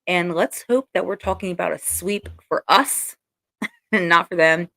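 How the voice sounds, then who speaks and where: A woman hosts a sports podcast with a teasing, giggly manner. Her voice sits a little low for a woman. The sound is close and dry, without room echo. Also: measured pace, vocal fry, pushed and bright. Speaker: podcast co-host. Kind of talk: casual sports podcast banter.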